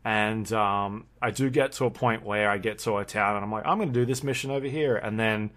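Rambling man with a low voice. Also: brisk, a bit bright. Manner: rambling, with many ums and restarts. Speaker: podcast co-host. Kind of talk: casual chat.

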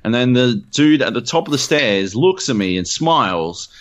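An Australian-accented man co-hosting a podcast tells a long, swear-filled story in casual chat. His mid-range voice moves at a moderate pace, and his animated, profane storytelling is packed with fillers like "uh" and "like".

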